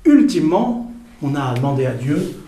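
Halting man teaching in an echoey room. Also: on the high side, big pitch swings, dark tone, far from the mic, slight background noise. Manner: halting, many fillers and repeated words, asks the audience questions. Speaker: teacher on prayer addressing a group. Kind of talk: spoken teaching talk to an audience.

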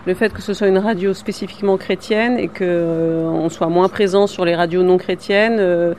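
A male radio interviewer with a high voice asks his questions in a halting way, leaning on filler words. A faint background noise runs under his voice. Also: steady tone, darkish tone.

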